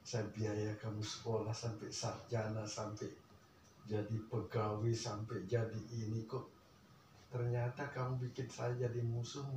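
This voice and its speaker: An older man tells a family story in casual conversation, his voice swinging from hushed murmurs to loud outbursts. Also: on the low side, level tone, unhurried. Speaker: guest recounting a family story. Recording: echoey room, distant mic, faint ambient hiss.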